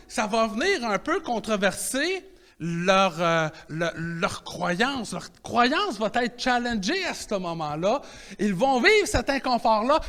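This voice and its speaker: A man with a Quebec French accent preaching a sermon in a conversational, animated way, restarting his phrases often. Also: extremely high pitch. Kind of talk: sermon teaching.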